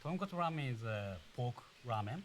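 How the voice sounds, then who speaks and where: A male chef with a Japanese accent, commenting casually on food. His pitch is medium and there is a faint hiss on the recording. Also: expressive, brisk. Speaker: chef on a tasting panel. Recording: clear background hiss.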